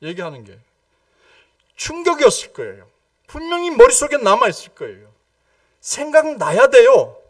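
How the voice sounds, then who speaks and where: A man preaching an evening prayer sermon as pastor, emphatic, firing repeated questions at the congregation and swinging from loud exclamations to hushed low lines. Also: huge pitch swings, normal speed, long pauses, no room sound, clean studio sound, distant mic. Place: church sanctuary.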